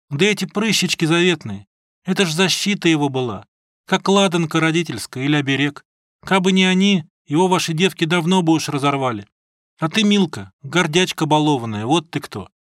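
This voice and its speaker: A woman's voice: low-pitched, expressive, fairly quick, dry recording, clean studio sound. A man voicing a drunk, scolding old village woman. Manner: scolding, tearful, rambling.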